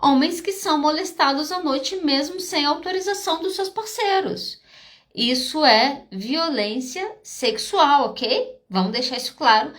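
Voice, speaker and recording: A woman's voice: high voice, a bit bright. A Brazilian woman psychologist with a Brazilian Portuguese accent, hosting a live podcast talk, direct and emphatic, driving her points home with short check-ins to listeners. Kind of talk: live podcast talk answering audience questions.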